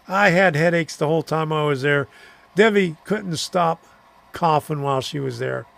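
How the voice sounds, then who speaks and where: A man's voice: fairly high pitch, measured pace, gravelly, fairly bright tone. A middle-aged man hosting a live stream, chatting casually and answering viewer comments, rambling and chuckling between thoughts. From Florida.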